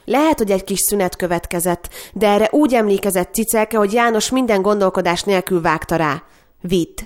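A woman narrating a story aloud in a calm, expressive reading. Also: mid-range voice.

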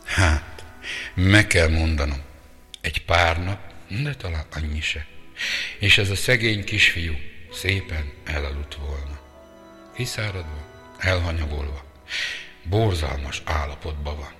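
A man's voice: extremely low pitch, sharp tone, faint music behind. A man voicing an experienced doctor speaking earnestly in a storybook. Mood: grave. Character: grave, experienced male village doctor. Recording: long reverb.

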